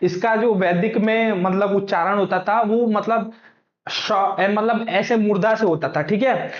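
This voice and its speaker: A man's voice: high voice, normal speed. A man teaching for exam prep, who keeps asking his own questions and then answering them. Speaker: Hindi teacher. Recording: echoey room, dull lo-fi sound.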